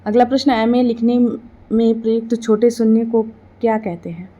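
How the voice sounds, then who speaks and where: A woman steadily reads out exam-preparation quiz questions, following each with its answer in the same formulaic pattern. Her voice sits a little high, yet its tone stays soft and mellow. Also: fairly even intonation, normal speed, highs cut off.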